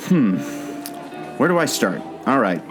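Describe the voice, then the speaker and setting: A former theme park skipper who co-hosts a podcast plays a storyteller in a scripted audio play, earnestly leading the listener through a mystery. His medium-pitched voice is very animated, though he speaks a little slowly, over a background of plucked guitar music.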